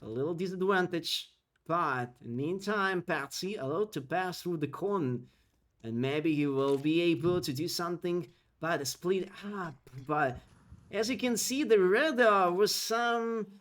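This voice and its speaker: A man who isn't a native English speaker casts an esports match solo. His play-by-play is quick and excitable, rising in pitch as the action heats up, and between rounds he chats with viewers.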